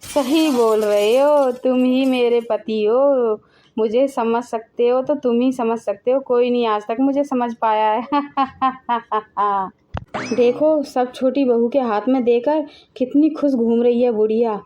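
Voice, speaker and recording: A woman voicing a jealous elder sister-in-law who is always plotting, in an animated family drama. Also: on the high side, slow pace. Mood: scheming. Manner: sharp, sulky, plotting.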